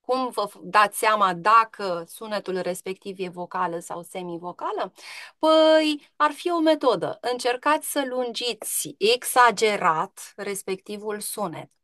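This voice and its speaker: Bright-voiced woman teaching a lesson. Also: medium pitch, animated, no room sound, clean studio sound. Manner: patient, questioning, drawn-out demonstration words. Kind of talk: online grammar lesson to pupils.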